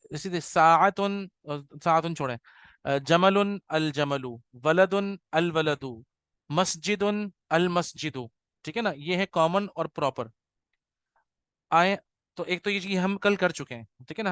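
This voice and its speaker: A man teaching an Arabic grammar class, explaining patiently, checking in with his students often, and slowing down to sound out words. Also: high voice, fairly bright tone, smooth, no room sound.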